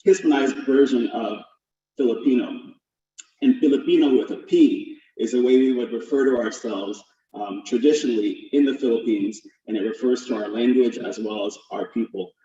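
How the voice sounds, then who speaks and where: A man's voice: mid-range voice, mellow. A man in his forties from Los Angeles, an attorney giving an earnest, formal town hall talk with fillers and restarts over a video call. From Los Angeles, USA. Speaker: attorney and guest speaker. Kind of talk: community town hall presentation. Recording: echoey, distant, dull video-call audio.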